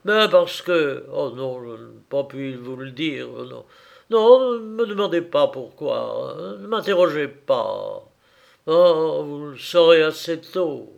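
A man's voice: on the high side, animated, takes it slowly, vocal fry, heavily acted. A man voicing a feverish young son who speaks in emphatic, impassioned outbursts. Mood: anguished.

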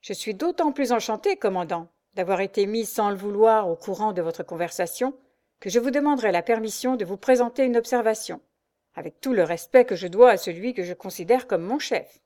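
A woman voicing a calm, polite young male nobleman who answers evenly and courteously in a read-aloud story. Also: medium pitch, a little fast, lightly acted. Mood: composed.

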